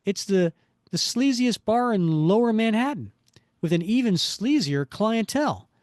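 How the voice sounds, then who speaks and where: Spider-Man as a cocky, wisecracking young hero with a lifted, lively voice, put on by a man reading a story aloud. He quips his way through every line, bouncing up and down in pitch. The sound is close and dry. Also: measured pace, dry recording. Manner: quippy, sardonic inner monologue. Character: wisecracking male superhero, young adult.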